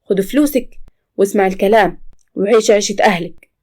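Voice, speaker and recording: A woman's voice: medium pitch, quick pace, a little mellow, natural voice. A woman voicing a domineering older woman boss who scolds sharply. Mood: scolding. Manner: scolding, bossy.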